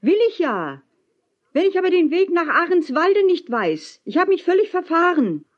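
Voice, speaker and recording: A woman voicing a hot-tempered young teacher who shouts back in an indignant way. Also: medium pitch, wildly swooping pitch, a little slow, dull audio. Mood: shouting. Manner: shouting over wind, indignant.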